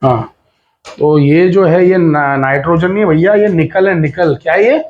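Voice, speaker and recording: A man, a physics teacher talking his students through a lesson. His voice sits a little high for a man, and his delivery is loose and chatty, repeating key words over and over. He mixes English phrases into his explanations. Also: moderate pace, phone-quality sound, a little hiss or hum. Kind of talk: casual board exam lecture.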